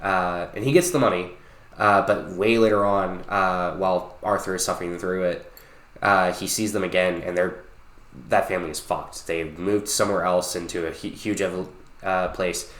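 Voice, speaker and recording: A man in his late twenties co-hosting a podcast, retelling a game story in a casual, animated way and swearing freely. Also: low voice, moderate pace, roomy sound. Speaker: podcast co-host. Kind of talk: casual chat.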